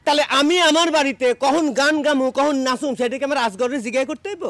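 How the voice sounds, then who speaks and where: A man's voice: very high-pitched, fast talker, a bit bright. An actor playing a middle-aged, belligerent drunk village father in a comic TV drama, ranting sarcastically in a rural Bangladeshi accent.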